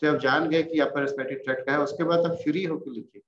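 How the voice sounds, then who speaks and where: A man's voice: fairly high pitch, steady tone, quick pace. Bihari Hindi man lecturing in a roomy hall. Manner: informal, reassuring, repeats key terms. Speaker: veterinary pathology lecturer. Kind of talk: classroom lecture. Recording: roomy, dull, faintly noisy lecture recording.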